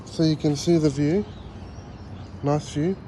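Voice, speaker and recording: A man from New Zealand vlogs a casual walking tour outdoors on school grounds, speaking slowly and relaxed. His voice is on the high side, he rambles with hesitant fillers, and there's a little hiss or hum in the recording.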